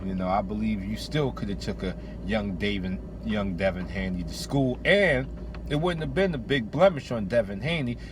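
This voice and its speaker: A man with a fairly low pitch and moderate pace hosts casual boxing talk, opinionated and slangy, repeating himself for emphasis. Background noise is present, and he's in or next to a vehicle.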